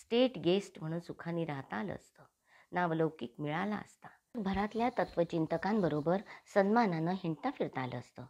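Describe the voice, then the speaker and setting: A woman narrating an audiobook in a measured, devout storytelling manner. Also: on the low side, animated, a little mellow, muffled recording. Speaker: audiobook reader. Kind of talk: scripted narration.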